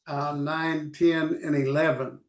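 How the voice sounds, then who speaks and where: A man teaching a Bible study in short phrases, pausing for an interpreter, halting with many fillers. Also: on the high side, flat delivery, noisy background.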